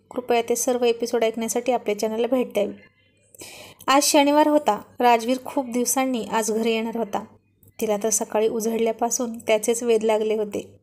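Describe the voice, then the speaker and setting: A woman storyteller reading a romance story aloud in a soft, steady way. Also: fairly high pitch.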